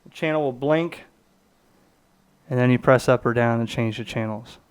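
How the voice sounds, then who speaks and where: Speaking at normal speed in a mid-range voice, this presenter is recorded cleanly. He reviews a gadget casually, explaining things conversationally, posing questions to himself and checking in with "okay?"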